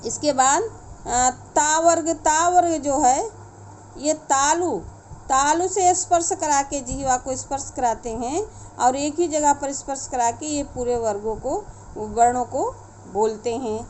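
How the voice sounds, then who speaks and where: A woman teacher explains letters to children in a high, unhurried voice. She checks in with her pupils as she goes, and a faint hiss of background noise sits under her speech. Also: darkish tone. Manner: slow, explanatory, checks in with "theek hai". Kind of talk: online Sanskrit lesson for children.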